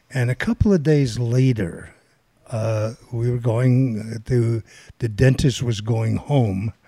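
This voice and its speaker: A man's voice: mid-range voice, creaky, warm tone, dry recording. An older man casually telling a long, rambling anecdote as a guest, with many fillers and restarts. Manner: rambling, filler-heavy storytelling. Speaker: guest storyteller.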